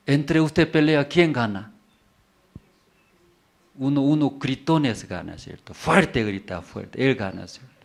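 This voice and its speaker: Slow, repetitive preaching man. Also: mid-range voice. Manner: repetitive, emphatic, rhetorical questions; simple, broken Spanish grammar. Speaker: pastor. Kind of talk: sermon.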